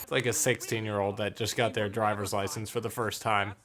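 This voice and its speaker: A man's voice: on the low side, little pitch movement, background noise. Joking man reacting to a movie. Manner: joking, playful, quick asides. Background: movie soundtrack playing.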